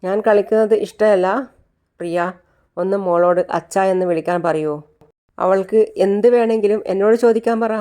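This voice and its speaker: The narrator voicing a scheming man who taunts and threatens, in a clear voice. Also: high-pitched, brisk, mellow, natural voice.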